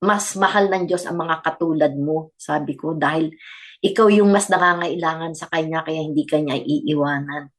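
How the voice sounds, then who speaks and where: A woman's voice: deep voice, fairly even intonation, normal speed. An older woman, a grandmother, giving a personal testimony in a radio interview with earnest storytelling. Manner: earnest storytelling, mixing Tagalog and English. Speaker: guest grandmother.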